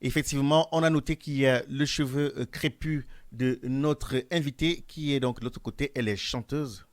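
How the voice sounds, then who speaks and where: A man hosting a radio talk show in a studio, asking his guests long, formal questions in a measured way. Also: mid-range voice, dry recording. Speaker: radio host.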